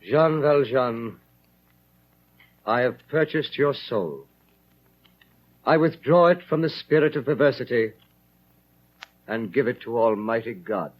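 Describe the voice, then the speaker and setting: A man playing a dignified, forgiving old bishop in a 1930s radio drama, calm and measured. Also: medium pitch. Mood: solemn. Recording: muffled vintage 1930s radio recording.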